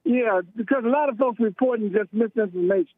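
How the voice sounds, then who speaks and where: Female phone-in caller, high voice, blunt and challenging, tinny telephone sound. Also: fairly quick, no echo. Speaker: radio show caller. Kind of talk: argumentative phone-in talk. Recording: thin band-limited phone line.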